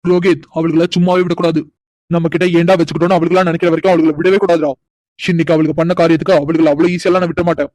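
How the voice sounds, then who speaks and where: A proud, hot-headed young city man in a cartoon, boasting about taking revenge, as a man voices him. He talks fast, with a flat, slightly high voice. The sound is dry and close. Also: no echo, close to an everyday voice. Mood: vengeful. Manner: angry, boastful, vengeful. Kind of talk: cartoon voice acting.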